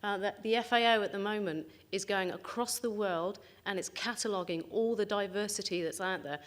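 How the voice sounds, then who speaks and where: A middle-aged woman presents at a conference in a medium-pitched voice. Her delivery is informal and conversational, with keen enthusiasm for her subject. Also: a little fast. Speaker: scientist giving a conference talk. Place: indoor conference venue.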